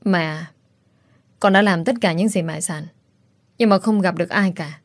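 A woman's voice: on the low side, unhurried, no echo, close to an everyday voice. Woman reading as an anxious pleading daughter.

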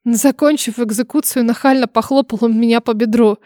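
A woman with a fairly high voice narrates an audiobook in first person, reading with dramatic expression. The sound is close and dry, with no room around it. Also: fairly even intonation, a little fast, mellow, no room sound.

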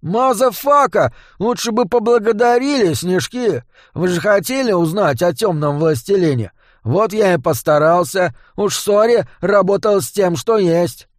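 A cocky little goblin sorcerer with a raised, fairly high voice, boastful and mocking, full of slang, as a male storyteller puts him on. The sound is dry and close. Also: animated, a little slow, few pauses, no room sound.

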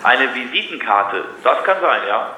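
A man's voice: medium pitch, very animated, a little slow, pushed and bright, reverberant, slight background noise. A salesman taking a phone call, brusque and irritated. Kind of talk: phone conversation.

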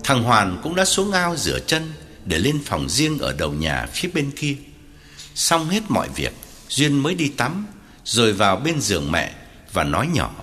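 A man narrating an audiobook in scripted narration with an expressive delivery. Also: mid-range voice, moderate pace, faint music behind.

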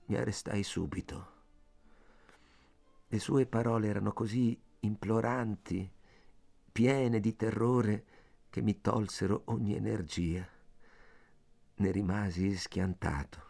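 A man narrating a novel in the first person, measured and intense, as an audiobook reader. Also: on the low side, steady tone, vocal fry, dark tone. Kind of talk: scripted literary narration.

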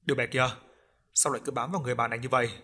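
A man's voice: mid-range voice, fairly even intonation, racing, pushed and bright. A man voicing a Buddhist monk who speaks firmly and with command. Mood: stern. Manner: firm, commanding. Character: calm Buddhist monk, stern toward a spirit.

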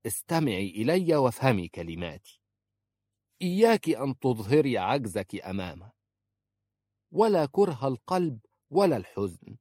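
A man voicing a sharp-tongued older woman who scolds and protects a young woman, with a sarcastic, blunt manner. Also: medium pitch, big pitch swings, moderate pace, long pauses, no room sound, voice pushed up. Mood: scolding. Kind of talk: audiobook character voice.

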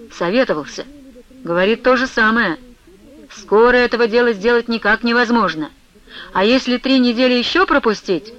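A woman's voice: fairly high pitch, fairly bright tone, dull audio, close to an everyday voice. Cold, grudging young man, read by a woman. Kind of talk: audiobook character reading.

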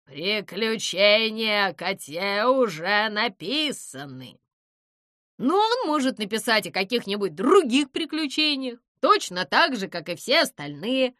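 A generous cat hero, cheerful and loud, whose voice swings up and down with lively pitch. He makes warm-hearted declarations to everyone, voiced by a woman reading a storybook. The sound is close and dry. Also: a little slow, few pauses, dry recording, full character voice.

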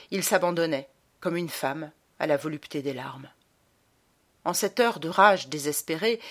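A woman narrating a literary audiobook with dramatic, expressive reading and slowed emphasis. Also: low-pitched.

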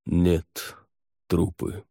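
A man voicing a brooding demon warrior who speaks slowly and tersely. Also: low voice, completely flat delivery, gravelly, mellow, no echo, studio quality, heavily acted. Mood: grim. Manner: slow, terse, growling.

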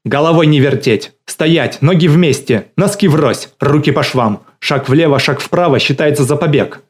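A man's voice: medium pitch, normal speed, a little mellow, close to an everyday voice. A man voicing a bossy middle-aged woman who swings between syrupy sweetness and barking drill-sergeant commands, in an audiobook. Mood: barking orders.

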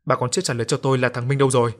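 A man voicing a stern, quick-tempered old grandfather in a ghost story, speaking gruffly. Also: mid-range voice, little pitch movement, lightly acted. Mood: scolding. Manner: gruff, scolding.

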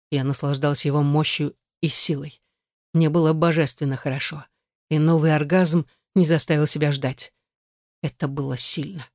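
A male audiobook reader in steady, even scripted narration. His voice sits a little high for a man. The recording is dry and close, with no room sound. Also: no room sound.

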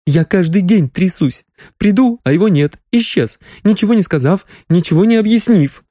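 A man's voice: sits high, animated, normal speed, dark tone, dry recording, clean studio sound, pitched above the performer's own voice. A man voicing an anxious, insistent young woman doctor in an audiobook, pressing her questions. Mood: tearful. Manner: pleading, pressing.

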